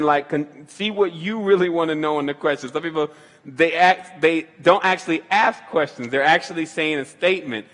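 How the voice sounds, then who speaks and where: A man's voice: on the high side, a bit bright, in a large hall. A man hosting a call-in show, speaking in a loose, rambling way with many restarts. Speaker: radio show host taking calls. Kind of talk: casual call-in talk.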